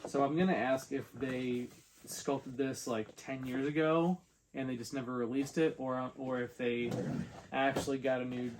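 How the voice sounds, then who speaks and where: A man's voice: mid-range voice, fairly even intonation, moderate pace, a little hiss or hum. A man reviewing toy figures in a casual unboxing chat, wry and exasperated.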